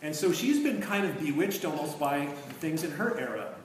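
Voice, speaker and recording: A man giving a conversational, musing lecture to a class, trailing into low asides, recorded from a distant mic in a large room. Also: very animated, normal speed. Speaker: teacher. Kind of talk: lecture on literature and faith. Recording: echoey room, distant mic, faint noise.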